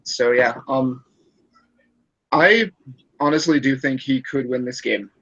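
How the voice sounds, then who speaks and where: A young man rambles hesitantly in a casual online chat, pausing on ums. His voice sits mid-range and comes over a dull, lo-fi call. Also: medium pitch, fairly bright tone, breathy edge.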